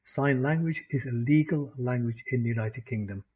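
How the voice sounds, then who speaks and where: Husky British man teaching online. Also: mid-range voice, moderate pace, darkish tone, lo-fi sound. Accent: British English. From Britain. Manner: chatty, repeats himself, laughs at his own jokes. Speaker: English teacher. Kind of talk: online class talk.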